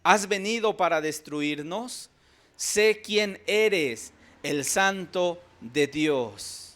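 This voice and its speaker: A man voicing a demon that cries out of a possessed man in loud, drawn-out cries. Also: sits high, animated, pitched above the performer's own voice, full character voice. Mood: alarmed.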